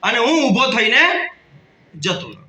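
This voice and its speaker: High, bright-voiced Gujarati man on stage. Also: very animated, a little slow, roomy sound, distant mic, rough recording. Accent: Kathiawadi Gujarati. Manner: jokey, calls out to the audience. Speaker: business seminar speaker. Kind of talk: motivational stage talk. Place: hall with an audience.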